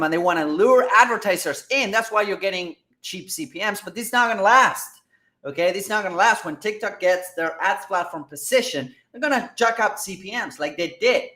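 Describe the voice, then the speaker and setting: A man hosting casual business commentary on advertising, energetic and excitable, often checking in with "all right?" and "guys". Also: high voice, reverberant. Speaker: marketing host.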